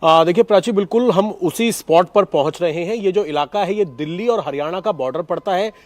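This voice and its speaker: A man's voice: high voice, brisk. A man giving a live field report to the studio anchor, explaining a crime story fluently and at length. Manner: explanatory, fluent, some repeated phrasing.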